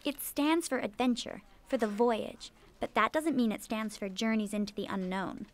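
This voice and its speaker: A woman as a high-voiced, frank puppet office worker. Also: normal speed, close to an everyday voice. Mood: explaining. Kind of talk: comedic puppet parody dialogue.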